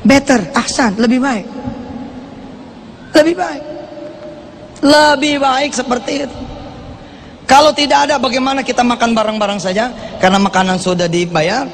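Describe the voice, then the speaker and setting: Middle-aged male preacher, high pitch, animated sermon delivery, soft background noise. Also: a little fast. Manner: animated, acts out quoted prayers.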